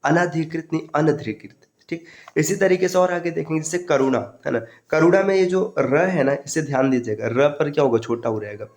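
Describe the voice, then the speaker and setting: A man's voice: on the high side, animated, normal speed, a little mellow. A male teacher giving an online exam-prep lesson, steadily drilling correct and incorrect word forms and addressing students as friends.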